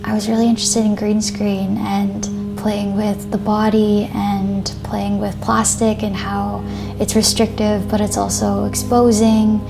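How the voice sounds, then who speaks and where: A woman's voice: mid-range voice, vocal fry. A young woman artist answering interview questions reflectively, with searching phrasing and frequent restarts. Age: young adult. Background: background music.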